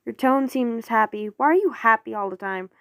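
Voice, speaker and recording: A woman voicing a grumpy, wounded young male swordsman master in an audio story, with gruff, curt lines. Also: a little high, lively intonation, normal speed, fairly bright tone, dry recording, clean studio sound. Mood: suspicious.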